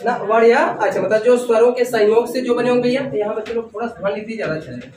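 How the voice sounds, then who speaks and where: A man's voice: very high voice, racing, a little mellow. A man teaching a classroom lesson, asking the class questions over and over and calling the students "bhaiya" and "children". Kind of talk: classroom lecture. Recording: echoey room, voice from far off, class noise behind.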